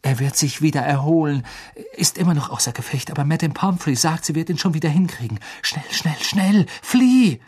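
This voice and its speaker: A man's voice: fairly high pitch, lively intonation, normal speed, a little mellow, slightly rough, voice pushed up. A man voicing a brave teenage boy wizard who urges others on with urgency. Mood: urgent.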